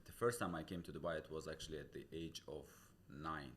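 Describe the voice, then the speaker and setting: A real estate broker from Tajikistan, whose first language is a Pamir dialect, appears as a podcast guest and earnestly explains himself step by step in non-native accented English, restarting often. His voice is extremely low yet a bit bright, and he talks fast. The casual interview is recorded on a studio podcast mic with slight background noise.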